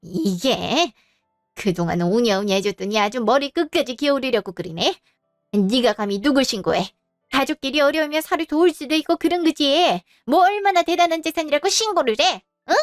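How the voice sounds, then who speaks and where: A woman's voice: sits high, lively intonation, moderate pace, no room sound, clean studio sound, faint music behind. Woman playing a bullying, scornful mother-in-law. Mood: angry. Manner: scolding, contemptuous, talks down. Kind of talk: Korean audio drama acting.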